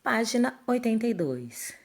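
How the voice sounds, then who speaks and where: A woman teacher giving a lesson to schoolchildren, dictating words slowly and checking in with her pupils. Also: on the high side, very animated. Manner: slow, clear dictation, syllable by syllable. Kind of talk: classroom lesson for children.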